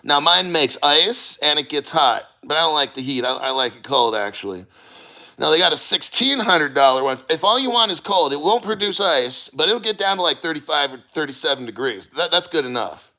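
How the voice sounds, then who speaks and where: Casual livestream host, male, middle-aged, slightly high voice with a sharp forceful edge, loose-tongued and prone to swearing. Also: lively intonation. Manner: rambling, profane, halting. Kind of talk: casual livestream chat, reading viewer comments.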